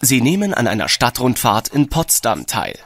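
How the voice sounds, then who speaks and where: A man reading scripted listening-test instructions in a formal, measured manner. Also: medium pitch, huge pitch swings, creaky, fairly bright tone. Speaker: exam narrator.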